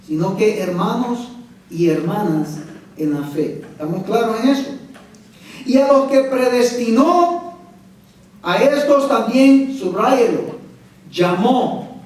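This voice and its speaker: High-voiced pastor preaching in an echoey hall. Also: male voice, expressive, slow pace, pauses often, darkish tone. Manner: emphatic, asks the congregation questions. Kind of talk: sermon. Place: church sanctuary. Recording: echoey church hall from far off.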